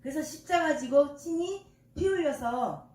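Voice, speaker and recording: An older woman pastor preaching in a high voice, tossing questions out to the congregation and answering them herself in a folksy, homely way. She is heard from across a reverberant church, not close to the mic. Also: lively intonation, a little slow, a little mellow. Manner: call-and-response, quizzing the congregation. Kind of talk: sermon. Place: church sanctuary. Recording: echoey church from far off.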